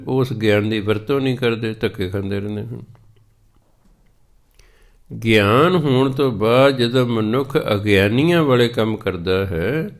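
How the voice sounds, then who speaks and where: A man giving a Sikh scripture sermon, chanting verses slowly before explaining them. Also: mid-range voice. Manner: slow chanted verse quotations between explanations.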